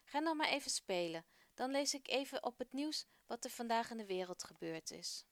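A woman's voice: on the high side, lively intonation, normal speed, no room sound. A woman reading as a kind, patient father. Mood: gentle. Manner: gentle, encouraging questions. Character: kind patient father talking to his son.

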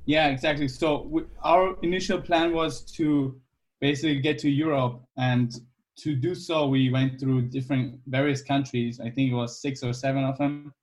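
A man in his twenties from Iran, a guest speaking in a casual interview, easygoing and thoughtful with many pauses. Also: mid-range voice, steady tone. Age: 20s.

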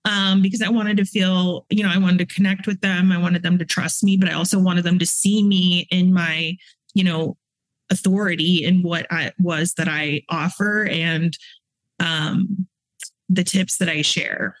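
A woman's voice: lowish voice, little pitch movement, measured pace, no echo, poor audio. A woman guest on a podcast, a business coach explaining how to build online community in a casual, advice-giving way with frequent fillers. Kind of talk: casual interview chat.

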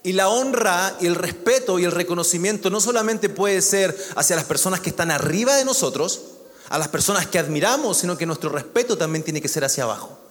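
High-voiced pastor preaching. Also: male voice, in a large hall. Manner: conversational preaching with humor, asides to the congregation. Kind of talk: sermon.

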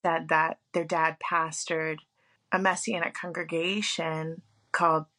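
A woman's voice: deep voice, little pitch movement, a little slow, pushed and bright. A woman in her forties, a podcast guest, telling her family history in a friendly, easygoing way. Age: 40s. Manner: friendly, laughs easily. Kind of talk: casual conversation.

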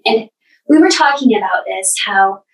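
A woman guest telling her personal story earnestly, with halting restarts. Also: medium pitch, expressive, distant mic, poor audio. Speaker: podcast guest.

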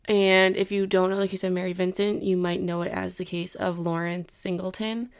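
Young female podcast host, chatty and rambling, with fry in her voice. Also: lowish voice, level tone, normal speed. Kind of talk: casual chat.

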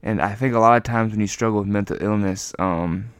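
A man with a fairly low, very clean and smooth voice records a podcast lying on the floor. He speaks in a casual, reflective monologue, pausing and repeating words as he feels for what to say. The sound is dry and close. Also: fairly even intonation, no echo. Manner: hesitant, searching, with repeated words and pauses; talking while lying on the floor. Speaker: podcast host. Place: lying on the floor of a room at home.

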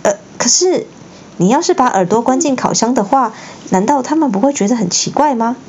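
Woman voicing a hesitant, stammering storybook boy wizard; lively, muffled home take. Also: a little high, brisk, a little hiss or hum, pitched above the performer's own voice. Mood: nervous. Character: polite, nervous boy wizard.

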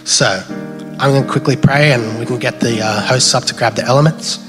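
Casting note: male preacher, mid-pitched, chatty sermon style, live in a reverberant hall with keys playing underneath. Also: brisk. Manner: loose and conversational, asks "right?" often. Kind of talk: live sermon with closing prayer. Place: church hall. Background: keyboard music playing behind.

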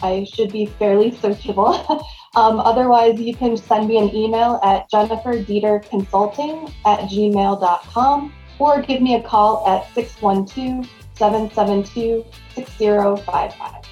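A woman's voice: mid-range voice, unhurried, warm tone, soft background music. A woman speaking as a consultant guest in a conversational podcast interview, on a roomy, slightly dull recording.

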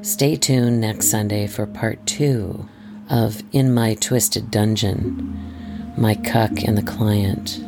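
Slow, gravelly, half-whispered intimate storyteller. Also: medium pitch. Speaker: host and storyteller of a weekly story series. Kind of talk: soft, intimate scripted first-person erotic narration, partly whispered. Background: music.

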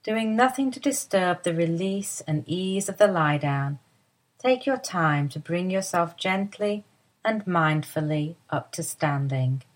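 A woman with a low voice leads a slow, calm body-awareness session. Her delivery is soft and soothing, unhurried from line to line. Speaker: movement teacher guiding a lie-down. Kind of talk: guided body-awareness instruction.

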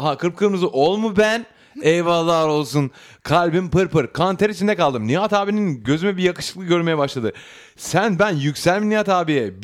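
A man hosting an advice podcast, joking with his co-hosts and reading a listener letter aloud in a playful tone. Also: a little high. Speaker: podcast host.

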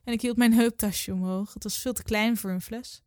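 A woman in her twenties reading her own literary story aloud in a calm, measured way. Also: fairly high pitch, no echo, clean studio sound. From Netherlands. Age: 20s.

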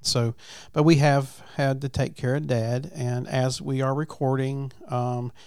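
Casual male host on a farm, creaky low-key talker, dry sound, folksy and halting. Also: flat delivery, darkish tone, no room sound. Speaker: podcast host. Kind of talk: casual chat. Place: at a family farm.

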